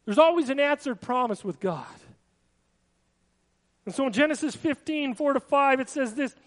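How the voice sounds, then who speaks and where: High-voiced man preaching in a reverberant hall. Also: lively intonation, moderate pace. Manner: earnest, conversational preaching with personal asides. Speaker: pastor. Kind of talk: sermon.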